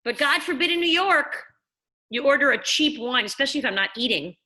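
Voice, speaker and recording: Brief: tipsy female host, rambling and slightly slurred, bright and lively, swoops high. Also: a little fast. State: tipsy from wine. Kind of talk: rambling live stream monologue.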